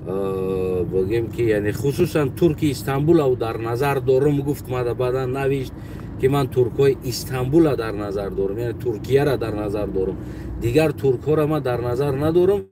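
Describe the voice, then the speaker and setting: A man with a Tajik accent talks at length in a halting, searching way, stopping often to find his words. His voice sits at an ordinary middle pitch. It was picked up from some distance outdoors, with steady road traffic clearly heard behind him. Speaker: commentator. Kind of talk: casual spoken monologue. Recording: distant mic with loud outdoor traffic noise.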